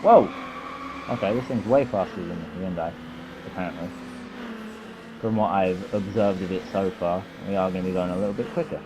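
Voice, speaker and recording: A man's voice: deep voice, fairly even intonation, brisk, noisy background. A man casually commenting on a racing game he is playing, rambling and poking fun at himself in a dry way. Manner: rambling, self-mocking and dry. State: feeling overheated. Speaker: let's play host.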